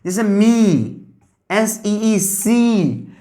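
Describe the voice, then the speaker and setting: A woman's voice: medium pitch, big pitch swings, drawn-out words, dark tone. A woman giving an English spelling lesson, spelling words out letter by letter and often addressing her students as "guys". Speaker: English teacher. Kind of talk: classroom lesson explaining spelling rules.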